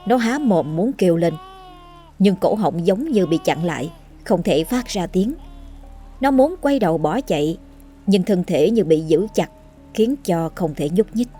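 A woman narrating a scripted horror story in a steady, measured way. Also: fairly low pitch, faint music behind.

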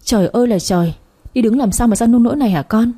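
A distraught old mother cries out in a high, strained voice, scolding and lamenting all at once, as a woman narrator puts her on. The tone stays husky and dark under the raised pitch. It is a storybook reading. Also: fast. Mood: shocked, wailing. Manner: wailing, scolding. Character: shrill older mother, wailing and scolding.

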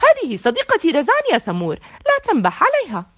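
A bossy young girl from a storybook, her voice shooting up high and loud as she shouts for help, as a woman reads her part. The sound is lively and swooping. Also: quick pace, dry recording, muffled recording. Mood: firm.

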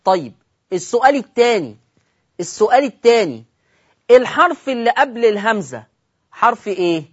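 A man with an Egyptian accent teaching Quran recitation on television, quizzing his listeners, repeating key points and slowing down to recite examples. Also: very high voice, big pitch swings, slightly rough. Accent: Egyptian Arabic. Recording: dull lo-fi broadcast audio.

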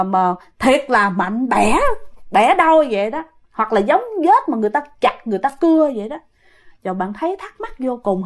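A young woman with a high voice narrates a ghost story in a loose, conversational way. She chats straight to her listeners and slips briefly into the voices of the people in the tale. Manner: chatty, retells a listener's story with acted quotes of the girls. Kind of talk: casual spoken storytelling.

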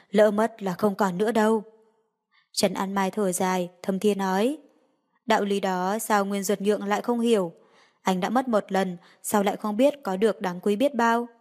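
A woman narrating a romance novel in an even reading voice, lifting her tone slightly for quoted lines. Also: medium pitch. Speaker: audiobook narrator.

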